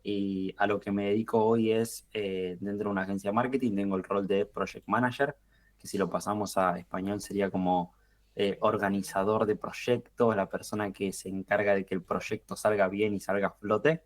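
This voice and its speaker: Young Argentine man, lowish voice. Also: normal speed. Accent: Rioplatense Argentine. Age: 20s. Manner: relaxed, thinks aloud with fillers and restarts. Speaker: guest marketing expert. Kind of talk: podcast interview.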